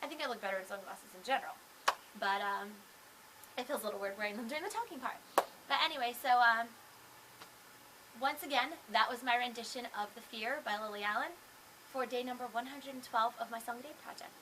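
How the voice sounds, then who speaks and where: A woman's voice: a little high, a little fast, background noise. A young woman chatting casually to camera as a vlogger, rambling with lots of fillers and restarts. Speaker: vlogger and singer.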